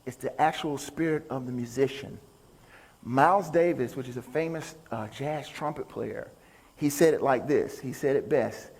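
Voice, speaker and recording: This man speaks at a mid-range pitch and normal speed, with a breathy edge to his voice. As a motivational speaker and musician, he gives a folksy, upbeat talk on a large indoor stage, bantering with the audience while the hall reverberates.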